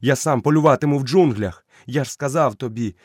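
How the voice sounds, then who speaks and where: A man voicing a fierce young boy raised by wolves, shouting in a high, defiant voice. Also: brisk, slightly rough, no room sound, clean studio sound, close to an everyday voice. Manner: high, loud, defiant cries.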